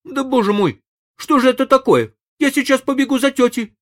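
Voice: mid-range voice, very animated, slow, darkish tone, breathy edge, voice pushed up, heavily acted. A reader voicing a scared young boy who urgently begs his sick brother to answer him. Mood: alarmed. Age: child. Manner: urgent, worried, pleading.

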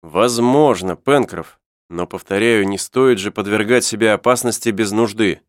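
A man reading the part of a calm engineer who leads the colonists, speaking in a measured, cautioning way. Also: on the low side, dry recording, studio quality, close to an everyday voice. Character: calm, reasoned male engineer leader.

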